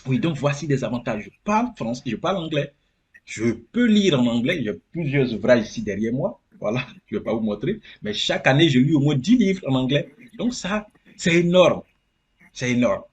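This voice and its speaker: Earnest husky man. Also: mid-range voice, lively intonation, brisk. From Côte d'Ivoire. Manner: earnest, repeats phrases for emphasis. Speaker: interview guest. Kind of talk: casual interview.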